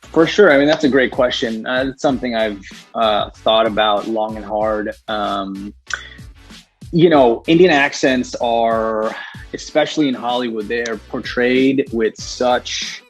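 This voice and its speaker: A man's voice: mid-range voice, measured pace, faint music behind. A young man talking as an actor guest in a casual interview, rambling with many restarts and frequent laughs.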